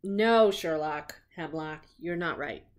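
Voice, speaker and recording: In her living room at home, a middle-aged grandmother reads a children's story aloud on her own show, speaking slowly in a low voice. She reads expressively and adds chatty asides for her young listeners.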